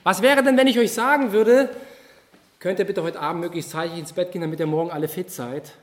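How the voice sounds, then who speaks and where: A man preaching a sermon at a youth retreat, animated and addressing listeners directly with questions, moving between loud emphasis and quiet asides. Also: sits high, fast, echoey room.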